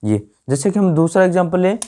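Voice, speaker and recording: A man's voice: sits high, very animated, a little fast, mellow. A man with an Indian accent teaching an English grammar lesson. He keeps checking that his listeners follow, repeats key words and answers his own questions, and stretches out the English examples.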